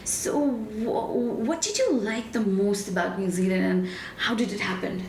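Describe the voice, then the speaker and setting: A woman's voice: mid-range voice, a little slow, a little mellow, roomy sound, a little hiss or hum. A woman hosting a show, asking an interview guest questions in an upbeat way, with some hesitations. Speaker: show host. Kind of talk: hosted interview.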